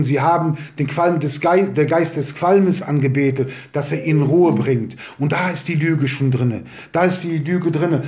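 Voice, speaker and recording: A man's voice: a little high, a little mellow, muffled recording. A man preaching an earnest sermon, his voice rising when he quotes scripture.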